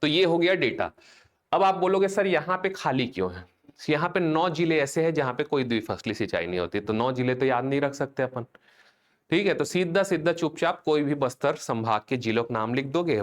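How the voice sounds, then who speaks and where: Guy teaching an exam class, chatty, keeps asking if students got it. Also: mid-range voice. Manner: call-and-response drilling, chanting mnemonics slowly; conversational, checks in with students often. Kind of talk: live online class lecture.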